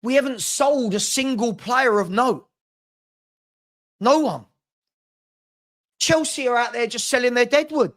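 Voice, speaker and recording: A man's voice: extremely high pitch, unhurried, pauses often, a bit bright. A man hosting a fan channel, delivering an angry, exasperated rant to viewers, emphatic and repetitive, with sarcastic mimicry. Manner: exasperated, emphatic, repeats phrases. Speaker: football fan channel host.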